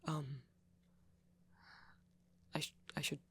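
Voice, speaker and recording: The recording is dry as a man with a British accent plays a nervous, shy young vampire in an ASMR boyfriend roleplay. His speech is halting and stammering, flustered and full of apology, delivered softly and breathily, often just above a whisper.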